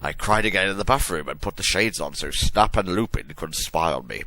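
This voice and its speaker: A man's voice: sits low, lively intonation, fairly quick, pushed and bright. A man giving a comic dramatic reading of a story in a hammy, theatrical stage-actor manner with exaggerated emphasis. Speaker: reader of a fan fiction story.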